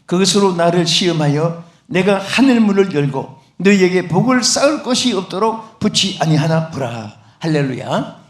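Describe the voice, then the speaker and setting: An older man preaching a sermon as pastor, dramatic and animated, acting out voices in his stories and calling out to the congregation. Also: high voice. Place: large church sanctuary. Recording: echoey church hall.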